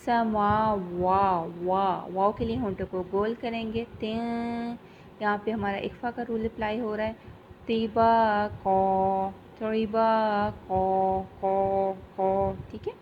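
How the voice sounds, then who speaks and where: A woman with a Pakistani Urdu accent teaches Quran recitation in a slightly high voice. She stretches and repeats each syllable slowly, like a drill. The recording sounds dull and lo-fi, with a light hiss underneath. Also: steady tone. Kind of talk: tajweed lesson with slow recitation.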